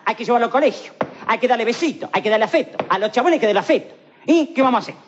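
In a TV comedy sketch, a male comic actor with a Rioplatense Spanish accent plays a cocky streetwise hustler, his pitch extremely high. He rambles in heavy slang with a swagger, forever asking "all right?" to make sure he's understood. The in-character monologue sits on dull lo-fi 1990s TV tape with faint hiss.

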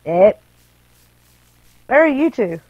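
A woman from England chatting casually while playing a game, excitable and quick to yelp in panic, on a slightly muffled headset mic. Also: on the high side, no room sound. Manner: excitable, panicky yelps when in danger. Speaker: guest player. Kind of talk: casual gameplay chat.

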